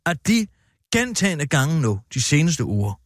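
A man's voice: on the high side, big pitch swings, dry recording, clean studio sound. A man voicing a paranoid, indignant middle-aged woman columnist in a comedy radio sketch, rambling in aggrieved complaints.

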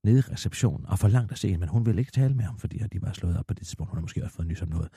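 A husky, gossip-hungry middle-aged woman, as a man puts her on for a radio comedy sketch. Her voice swoops from hushed secrets to eager peaks, and it sounds close and dry with no room around it. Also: sits low, animated, dry recording, full character voice. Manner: breathless gossiping, dropping to a hush.

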